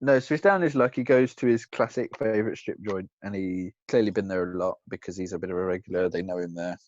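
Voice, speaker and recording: A man's voice: sits low, fast talker, a little mellow, no echo, highs cut off. Dry, teasing man. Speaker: podcast co-host. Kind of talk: casual film review chat.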